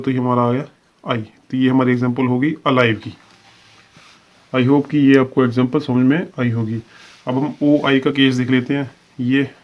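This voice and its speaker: A man teaching a shorthand lesson, explaining each example patiently and repeating his phrases, drawing out the example words. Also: mid-range voice. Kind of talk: step-by-step video lesson. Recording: dull, lo-fi recording.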